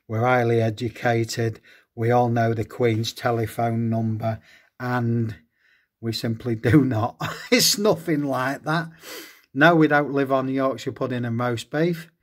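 A man's voice: medium pitch, steady tone, unhurried. A man from England, hosting a casual unboxing chat about diecast models, full of fond exclamations. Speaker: host of a diecast collecting channel.

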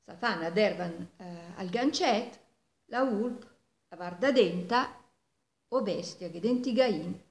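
An echoey home recording of an elderly woman with a Milanese accent telling a folk tale. Her pitch sits in the middle for a woman, and she tells the story in an animated way, as an oral storyteller. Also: takes it slowly. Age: 70s. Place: living room at home, indoors. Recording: echoey room, distant microphone.

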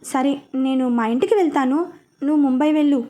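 A woman voicing a lively, affectionate young woman who speaks eagerly. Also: sits high, brisk, close to an everyday voice. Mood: pleading.

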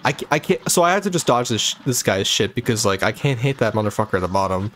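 A man's voice: on the low side, lively intonation, fast talker, a bit bright, a little hiss or hum. A young man hosting a let's-play channel, swearing constantly and rambling jokes at a game boss as he plays into a desk microphone. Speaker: gaming channel host. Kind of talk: profane let's-play commentary.

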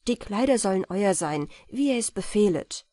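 A woman's voice: mid-range voice, expressive, moderate pace, warm tone, no room sound, clean studio sound, lightly acted. A woman voicing a modest, noble-minded young man who speaks formally and politely. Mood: earnest. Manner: formal, polite, old-fashioned speech.

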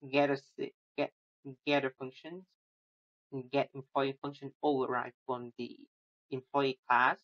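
In a screen-recorded walkthrough, a man with a medium-pitched voice presents his coding project as a student. His speech is halting, packed with fillers and restarts, and his phrasing is non-native. The audio is dull and lo-fi.

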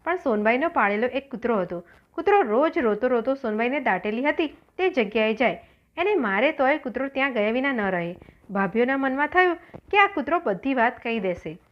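A woman's voice: a little high, lively intonation, moderate pace, highs cut off. A woman reading a folk tale aloud as an audiobook, giving each character a slightly different voice. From Gujarat, India. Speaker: storyteller.

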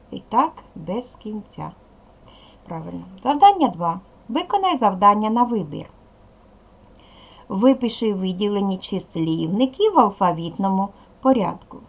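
A woman's voice: mid-range voice, creaky. A woman teaching a video lesson to young pupils, patient, asking questions and answering them herself. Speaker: primary school teacher.

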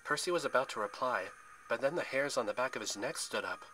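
Bright-voiced man narrating a story. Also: mid-range voice, fast, a little hiss or hum, low-quality recording. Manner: expressive read-aloud, occasional slips.

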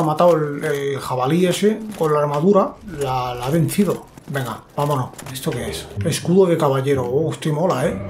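A man with a Spain Spanish accent giving chatty, excitable gameplay commentary, talking to himself and his viewers. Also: on the high side, slight background noise. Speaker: gaming YouTuber. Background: game music.

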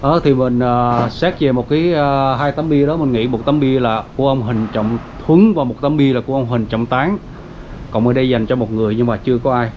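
A man's voice: medium pitch, fairly quick, slight background noise. A man vlogging as he walks around a family grave site, talking casually with lots of fillers and speaking to his viewers directly. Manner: chatty, many fillers, addresses viewers as everyone. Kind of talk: casual walking tour narration. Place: outdoors at a cemetery gate. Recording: dull lo-fi outdoor recording.

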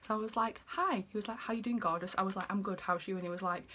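A woman's voice: medium pitch, fairly even intonation, very fast, sharp tone, slight background noise. A young woman in her twenties with a Yorkshire accent, chatting casually as she reads out messages and often drops into a whisper. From Yorkshire, England. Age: 20s. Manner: chatty, giggly, dips into whispers. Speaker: vlogger. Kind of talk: casual chat reading out messages.

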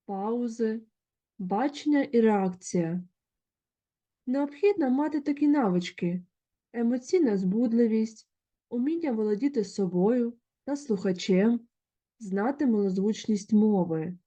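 A woman teacher voicing a recorded literature lesson. Her voice is mellow and a touch higher than usual, and her delivery is steady and instructive. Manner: measured, instructive, clearly paced.

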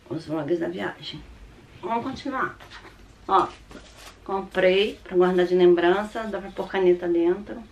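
A Brazilian woman in her fifties with a slightly hoarse, sore-throat voice, chatting casually to the camera as a vlogger showing her purchases. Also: mid-range voice, a little hiss or hum, rough recording. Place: small room at home, indoors.

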